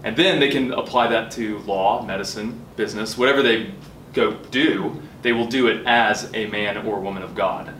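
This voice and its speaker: Lowish male voice, emphatic, deliberate, earnest, distant from mic. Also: a bit bright. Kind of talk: earnest discussion. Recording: echoey room, distant mic, faint noise.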